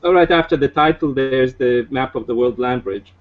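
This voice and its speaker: A man in his forties from Iraq, speaking English, giving an earnest, measured lecture as a guest speaker. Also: medium pitch, phone-quality sound. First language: Arabic. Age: 40s. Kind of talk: lecture-style political presentation.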